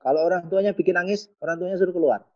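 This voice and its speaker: A man's voice: high voice, very fast. A man answers webinar questions as a pediatric physiotherapist. He explains step by step and slips in light jokes. The sound is dull and lo-fi, like online call audio. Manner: explanatory, joking, with a Javanese touch. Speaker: guest speaker, pediatric physiotherapist.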